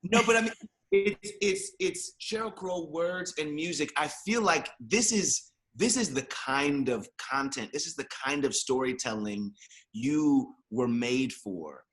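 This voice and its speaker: A man hosting an entertainment interview, asking questions eagerly and reacting quickly. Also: a little high, animated, a bit bright. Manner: enthusiastic, fast, quick to react. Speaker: entertainment show host. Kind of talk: casual interview.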